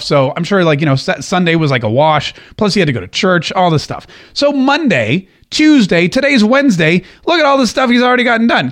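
A man's voice: high-pitched, fairly bright tone. A man from Florida delivering a sarcastic, joking political commentary monologue. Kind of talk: casual opinion monologue.

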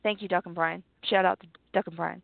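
A woman with an American accent and a deep, hoarse voice that is giving out, chatting casually as a show co-host. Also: steady tone, brisk, no echo, narrow, tinny audio. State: hoarse, voice going, congested from bronchitis. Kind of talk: casual chat.

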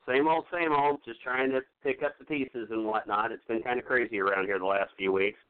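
Man, phone held away from mouth, tinny call line, smooth clear voice, low-key and resigned. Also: fairly even intonation, fairly quick. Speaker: guest on a call-in show. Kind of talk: casual chat.

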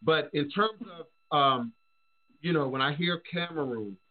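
An American man hosts a casual discussion in a fairly high voice. He reasons aloud haltingly, doubling back on words. The audio is slightly dull and lo-fi. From United States. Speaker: show host.

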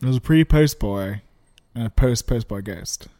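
A man's voice: mid-range voice, a little slow, warm tone, no room sound. A man co-hosting a podcast, chatting playfully and telling a ghost story. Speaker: podcast co-host. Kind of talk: casual chat.

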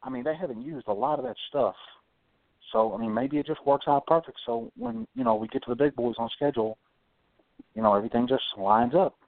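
A man's voice: mid-range voice, very animated, fairly quick, no echo. A man from South Carolina calling in to a radio show over the phone, meandering and hedging as he talks. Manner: meandering, hedging, clears throat often. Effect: heard over the phone. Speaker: radio call-in caller. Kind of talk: casual call-in chat. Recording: tinny phone line, dry.

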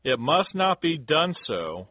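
A man reads scripture at an unhurried, solemn pace. His intonation rises and falls widely and drops at the close of each phrase. The sound is dry and narrow, like a phone line. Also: big pitch swings, a little hiss or hum. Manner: measured, solemn, dropping pitch at phrase ends. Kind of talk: slow scripted Bible reading.

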